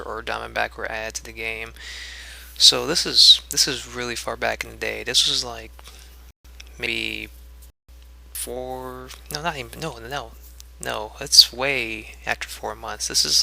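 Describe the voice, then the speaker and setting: A man's voice: mid-range voice, gravelly, pushed and bright. A young man giving casual commentary on his own gameplay video, rambling with many fillers and restarts and a little out of breath.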